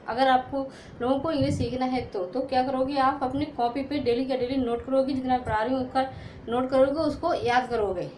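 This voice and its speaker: The clip features an English teacher who hosts a channel, speaking in a high voice with a darkish tone as she runs a Hindi phonics lesson at a whiteboard. She asks and answers her own questions and sounds out each letter separately, in a rough, roomy recording with slight background noise.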